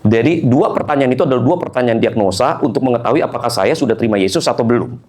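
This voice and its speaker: A man's voice: medium pitch, fast talker. A man preaching a sermon in a church, telling stories and acting out the people in them, often turning to address the congregation. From Indonesia. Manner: animated, acts out characters in dialogue, addresses congregation often. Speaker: pastor. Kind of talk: sermon with storytelling. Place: church hall.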